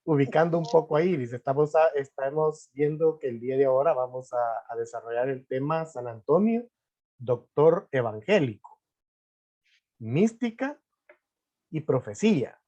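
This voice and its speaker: A man moderating a panel discussion, speaking in a measured way with restarts. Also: medium pitch, warm tone. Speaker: host. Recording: muffled lo-fi audio.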